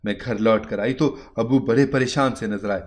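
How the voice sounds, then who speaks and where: Man narrating a moral story. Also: medium pitch. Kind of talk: scripted first-person story narration.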